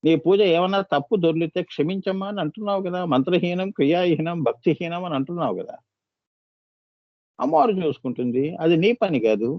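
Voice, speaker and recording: A man teaches a devotional discourse in a high voice, turning often to his listeners with coaxing, scolding questions. The sound is close and dry, slightly dull and lo-fi. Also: animated, brisk, no room sound. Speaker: spiritual teacher.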